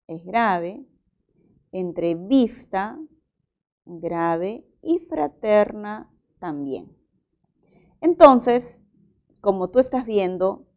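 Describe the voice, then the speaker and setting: A woman's voice: mid-range voice, darkish tone. A woman teacher, working methodically through exam-prep language exercises and explaining each example aloud.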